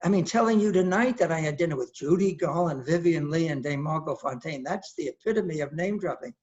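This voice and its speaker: A man's voice: a little high, lively intonation, brisk, darkish tone. A man in his eighties performing a solo storytelling monologue, chatty and anecdotal, acting out the people he quotes. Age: 80s. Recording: dull lo-fi streamed audio.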